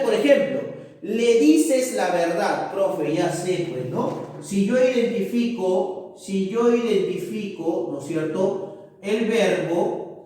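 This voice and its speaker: A man teaching a grammar lesson, asking questions in a higher pupil's voice and then answering them himself. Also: a little mellow. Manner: asks and answers his own questions, often in a higher pupil-like voice. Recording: echoey room, voice from far off.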